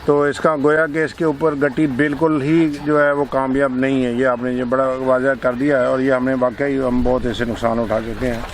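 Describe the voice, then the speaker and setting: A man's voice: medium pitch, flat delivery, hardly any pauses, slight background noise. A man with a Pakistani Punjabi accent, hosting an interview outdoors and politely asking detailed questions. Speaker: host interviewer. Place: outdoors on a farm.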